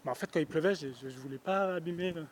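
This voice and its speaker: A young man with a notably high voice rambles through a mock-serious street report at night. He contradicts himself and swears, then backpedals. The sound comes from a handheld phone outdoors, with a faint rush of river noise behind him. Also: very fast. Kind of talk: rambling comic monologue. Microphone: phone held in hand.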